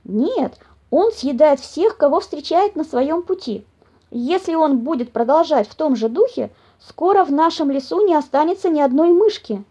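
A woman's voice: sits high, animated, normal speed, mellow, voice pushed up. A woman voicing a polite, earnest little mouse boy who gets indignant easily. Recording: dull lo-fi audio.

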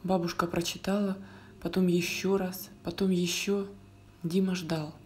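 A woman reading a story aloud, soft and often dropping to a whisper. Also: fairly low pitch, flat delivery, a little slow, slight background noise. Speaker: narrator.

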